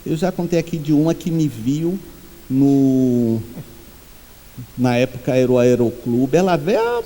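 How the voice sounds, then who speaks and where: A man giving a spiritual talk to a congregation, telling humorous anecdotes and acting out the quoted voices in a high pitch. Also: dark tone, in a large hall. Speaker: spiritual speaker. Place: meeting hall.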